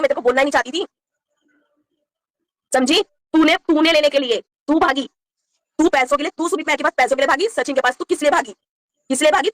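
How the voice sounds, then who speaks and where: A woman's voice: high-pitched, no room sound, clean studio sound. A woman ranting angrily on a live stream, answering critics in a confrontational, scolding way. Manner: confrontational, scolding, rapid-fire. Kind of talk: heated live-stream rant.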